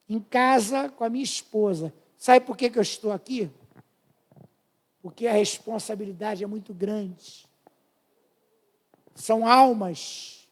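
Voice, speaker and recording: A man in his fifties with a Brazilian Portuguese accent, preaching a fervent testimony to a congregation. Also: high-pitched. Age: 50s. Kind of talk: sermon testimony.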